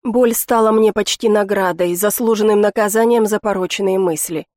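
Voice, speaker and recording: A woman reading a first-person audiobook in a measured, intimate storytelling manner. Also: mid-range voice, fairly even intonation, darkish tone, no room sound, studio quality. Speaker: audiobook narrator.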